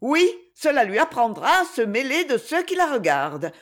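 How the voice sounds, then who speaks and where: A woman's voice: a little high, sing-song, a little slow, pitched above the performer's own voice. A woman playing a disdainful young lady. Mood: scornful. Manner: dismissive, scornful. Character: cool, disdainful young noblewoman.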